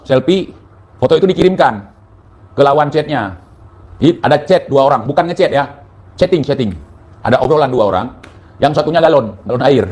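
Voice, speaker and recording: Mocking male commentator. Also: on the high side. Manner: mocking, declamatory, addresses his target directly. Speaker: online commentator. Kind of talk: political commentary monologue.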